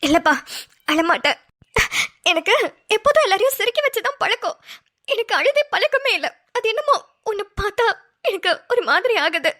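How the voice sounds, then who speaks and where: A tender-hearted middle-aged mother in a homemade cartoon, voiced by a woman. She talks gently and motherly, in a very high, bright, ringing voice. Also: very animated, moderate pace, exaggerated voice. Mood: tearful.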